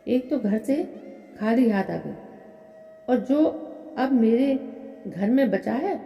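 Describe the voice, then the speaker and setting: A woman's voice: a little high, expressive, takes it slowly, gravelly, warm tone, faint music behind, heavily acted. A woman voicing a stingy older mother-in-law who scolds her daughter-in-law harshly, in an echoey room. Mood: scolding. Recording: echoey room with long reverb.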